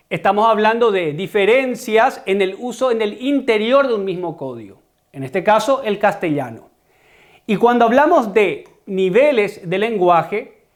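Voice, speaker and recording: Paraguayan guy teaching an online class, pretty high voice, keeps stressing the key words and talking to the students. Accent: Paraguayan Spanish. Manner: explanatory, stresses key terms, addresses students directly. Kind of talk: online school lesson.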